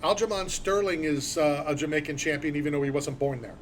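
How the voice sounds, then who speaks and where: A man's voice: fairly high pitch, brisk, slight background noise. A man hosting a sports talk show, talking in an opinionated, emphatic and rambling way. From born in Philadelphia. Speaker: sports radio host.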